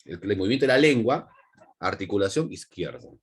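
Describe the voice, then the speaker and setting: A man's voice: lowish voice, big pitch swings, fairly quick, slightly rough. A man with a Peruvian Spanish accent, giving an online psychology lecture, repeating points and checking in with "¿no?" and "¿ya?". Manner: repetitive, asks for checks with "¿no?" and "¿ya?". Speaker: psychology teacher.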